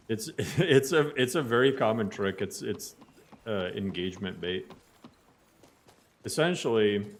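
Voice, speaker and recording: A man from Bosnia chatting casually while streaming a game, playful and jokey, often mangling words on purpose for laughs. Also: lowish voice. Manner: playful, jokey, mock mispronunciations. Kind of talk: casual gaming stream chat.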